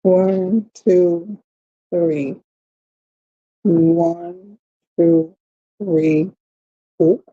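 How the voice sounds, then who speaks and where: Woman, home cooking vlogger, slow, dramatic grumbling, dull lo-fi sound. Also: on the low side, steady tone, dark tone. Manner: exasperated, dramatic complaining. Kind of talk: casual kitchen chat to viewers. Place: home kitchen. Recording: dull lo-fi audio.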